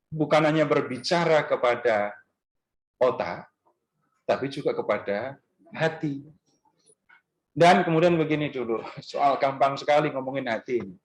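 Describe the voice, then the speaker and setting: A man's voice: on the high side, low-quality recording. A man giving an Easter talk to a church group in a restaurant function room. He keeps it conversational and often asks the audience questions. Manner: animated, rising emphasis on key words. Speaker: speaker at a parish gathering.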